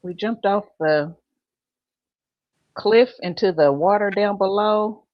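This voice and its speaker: A woman's voice: medium pitch, takes it slowly, no room sound, muffled recording. A woman in her fifties hosting a casual livestream while styling her hair, chatting, laughing easily and reading out viewer comments. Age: 50s. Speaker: host.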